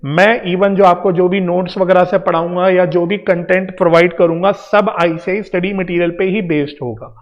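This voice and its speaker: A man's voice: high-pitched, fairly even intonation, normal speed, hardly any pauses. A man with an Indian accent, teaching accountancy in an online coaching lecture, explaining patiently and addressing students directly. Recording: dull sound with long reverb.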